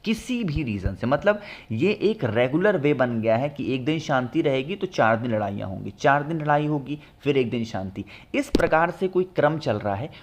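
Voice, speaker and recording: With a faint hiss or hum in the background, this medium-pitched man speaks at normal speed with lively intonation. He's an astrology remedies presenter walking viewers through home rituals in a chatty, instructional way, addressing them directly, checking in often with "ठीक है ना," and pitching a product.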